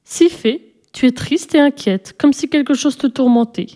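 A storybook mother speaks in a measured, gently admonishing way, firm yet kind, voiced by a woman reader. Her voice sits fairly high with a mellow, soft tone. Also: close to an everyday voice. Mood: questioning.

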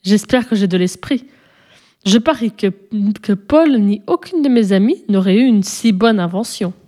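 A woman voicing a proud, mischievous little girl who speaks slowly and sounds pleased with herself. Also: mid-range voice, animated, mellow, close to an everyday voice.

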